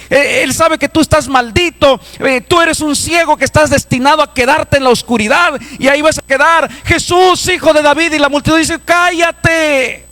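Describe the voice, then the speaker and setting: Man, pastor, very high voice, fervent sermon, loud raised appeals, quiet asides. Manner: preaching with sudden loud raised passages and soft low asides. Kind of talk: evangelistic sermon. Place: church.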